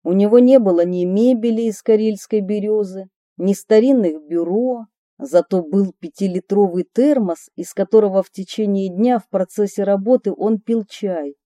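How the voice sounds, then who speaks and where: A woman's voice: medium pitch, moderate pace, mellow, dry recording, clean studio sound. A woman reading her memoir aloud, telling the story expressively with a light ironic touch. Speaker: narrator of her own memoir.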